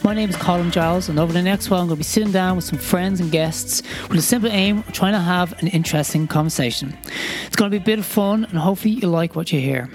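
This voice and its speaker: A man's voice: high voice, quick pace, hardly any pauses, faint music behind. An Irish man giving a casual, unpolished podcast introduction as host, crammed into a wardrobe used as a makeshift sound booth.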